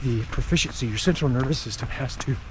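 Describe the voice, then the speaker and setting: A man's voice: medium pitch, fast, noisy background. A man vlogging while jogging outside in the rain, explaining things casually in short, broken phrases. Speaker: running vlogger. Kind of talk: casual explanatory vlog talk while running. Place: outdoors on a run in the rain.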